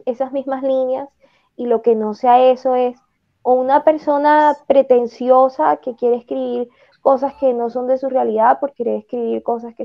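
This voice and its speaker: A woman with a costeño Caribbean Spanish accent talks casually in a somewhat high voice. She pauses and restarts as she thinks aloud. The sound is a little dull and lo-fi. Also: vocal fry. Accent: Colombian Caribbean (costeño). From Ciénaga, Caribbean coast of Colombia. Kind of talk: casual conversational interview talk.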